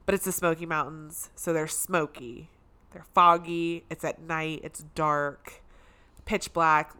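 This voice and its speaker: A woman's voice: low voice, slow, clean tone. A woman co-hosting a podcast, telling a story in casual chat and acting out the people in it. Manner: animated storyteller, acts out quoted relatives loudly. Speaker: podcast co-host.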